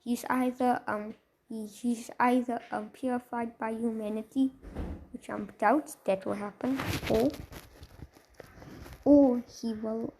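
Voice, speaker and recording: Tired, rambling woman with a gravelly voice. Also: on the high side, fairly even intonation, takes it slowly, noisy background. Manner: rambling, tired, many restarts. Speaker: fan story creator. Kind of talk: improvised fan story narration.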